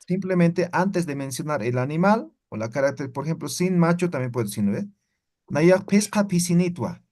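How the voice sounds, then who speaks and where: A man teaches a language class step by step, patiently explaining and repeatedly checking in with students by asking "¿no ve?". His voice is on the high side, animated and a little mellow, at a moderate pace.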